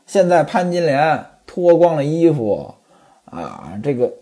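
A woman telling a traditional story aloud, lively and speaking directly to her listeners. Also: low voice, slow, breathy edge.

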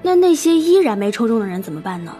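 Woman voicing a chirpy TV co-host, fairly high voice, audio drama. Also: big pitch swings, fast talker, dark tone, faint music behind. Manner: chirpy, asks prompting questions. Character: eager female TV co-host.

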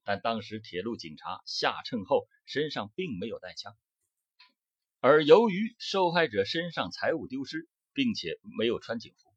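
A man's voice: medium pitch, breathy edge, no echo. Man narrating a true-crime case. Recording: dull close-miked dry audio.

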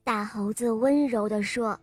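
A woman narrating a children's bedtime story in a slow, gentle, sing-song way. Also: on the high side.

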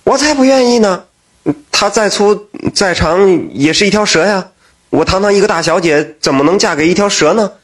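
A man's voice: sits high, moderate pace, fairly bright tone, breathy edge. A man voicing a proud, haughty eldest daughter who refuses indignantly.

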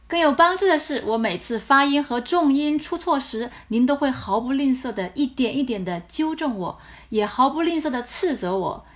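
A woman language teacher explaining dialogue from a drama scene line by line, in patient, animated explanations. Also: on the high side.

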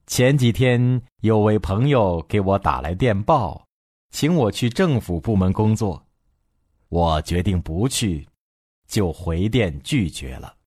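A calm, soft-spoken male professor, read by a man, his voice lowered and unhurried as he patiently explains. The tone is husky, and the sound is close and dry. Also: no echo, exaggerated voice.

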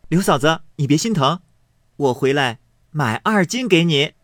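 A cheeky young maidservant from a storybook, voiced by a man, lifting high and bright. Her sentences are quick and mocking, full of sass. The sound is dry and close. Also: expressive, dry recording. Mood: teasing. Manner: pert, mocking, quick-tongued. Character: saucy teenage girl servant, pert and teasing.

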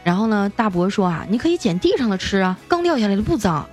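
A woman's voice: medium pitch, very animated, a little mellow, faint music behind. A woman radio host reading out listener jokes in a playful, chatty way, adding teasing comments of her own. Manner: playful, chatty, teasing asides with drawn-out particles. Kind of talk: lively comic radio reading.

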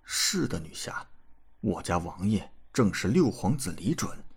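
A man voicing a frightened old eunuch steward who speaks in a servile, fearful way, in a husky voice. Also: deep voice, very animated, measured pace, heavily acted.

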